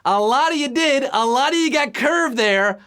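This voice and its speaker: A man hosting a live trivia game show, reading questions with playful, jokey patter and sudden jumps in pitch. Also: animated, normal speed, fairly bright tone.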